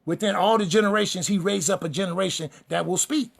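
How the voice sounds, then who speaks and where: A man's voice: sits high, fast talker, gravelly. A man preaching a fiery sermon-style lecture. He is emphatic and repetitive, speaks straight to his listeners, and builds lists and refrains for rhythm. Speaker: preacher and teacher.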